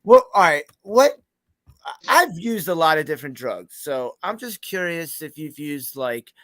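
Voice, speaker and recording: A man's voice: on the high side, expressive, a little slow, fairly bright tone, no room sound. A man hosting a casual interview chat, talking in a loose, rambling way and swearing casually. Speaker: host.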